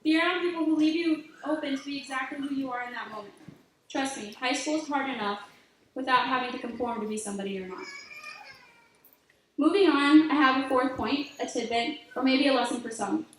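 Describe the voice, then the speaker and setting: A woman's voice: high voice, a little fast. A teenage girl giving a graduation speech, earnest and heartfelt as she offers advice to younger students. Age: late teens. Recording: echoey hall, voice from far off, faint noise.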